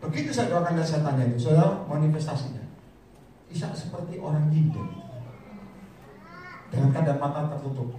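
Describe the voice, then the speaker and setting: A man preaching a sermon to a congregation, swinging from loud shouted lines to low, quiet asides and calling them brother. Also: lively intonation, brisk, pauses often. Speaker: evangelist preacher. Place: large church hall. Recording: echoey hall, mic from a distance, faint hiss.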